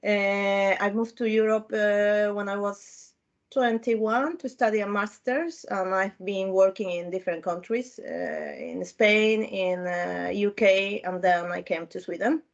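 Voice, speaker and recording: A woman from Peru talks on a panel over a video call, and her audio comes through dull and muffled. She speaks haltingly, with many fillers and restarts, at a mid pitch. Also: steady tone, vocal fry. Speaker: panel guest, former mentee. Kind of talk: casual panel talk.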